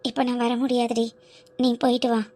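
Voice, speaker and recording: A woman voicing a gentle young female college student in a cartoon, talking softly and pleading. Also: fairly high pitch, flat delivery, a little fast, heavy background noise, close to an everyday voice. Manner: soft, pleading. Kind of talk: cartoon voice acting.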